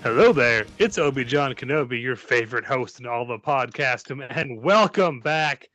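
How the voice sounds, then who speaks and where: A man's voice: mid-range voice, expressive, moderate pace, a bit bright, no echo, faint music behind. Jokey male podcast host. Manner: jokey, apologetic, showman-style introductions. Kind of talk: casual podcast chat.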